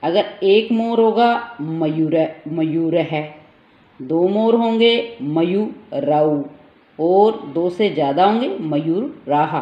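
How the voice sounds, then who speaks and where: A woman teacher talks at an unhurried pace and says every word twice, drilling its pronunciation for her online class. Her voice sits at a middle pitch. It is recorded in a roomy space with an echo, and the sound is slightly dull. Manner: slow, repeats each word to drill pronunciation. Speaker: Sanskrit teacher. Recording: dull echoey room recording.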